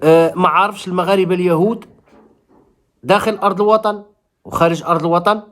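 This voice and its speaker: A man's voice: high voice, steady tone, fast talker, a bit bright. A man from Morocco with a Moroccan accent gives casual spoken commentary to viewers, emphatic and repeating phrases to drive points home.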